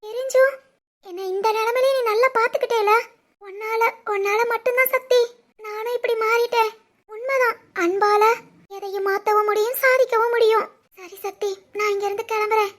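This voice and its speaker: A woman voicing a young woman in an animated family story, once spoiled and now remorseful, speaking in a soft, wistful way with a Tirunelveli Tamil accent. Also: very high-pitched, fairly quick. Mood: regretful.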